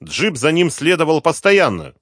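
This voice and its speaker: A man's voice: huge pitch swings, normal speed, fairly bright tone, dry recording, studio quality, heavily acted. A man reading an audiobook, voicing a brash, defiant young woman in her twenties who snaps and mocks. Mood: sullen. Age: 20s. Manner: shrill, snapping, mocking. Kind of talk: audiobook character voice.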